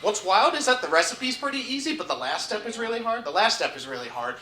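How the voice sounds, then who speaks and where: Wry young comedian in an echoey club. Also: male voice, high-pitched, fast. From upstate New York. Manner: wry, deadpan asides that swing into loud punchlines. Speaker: stand-up comedian. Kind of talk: stand-up comedy set. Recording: roomy club stage mic.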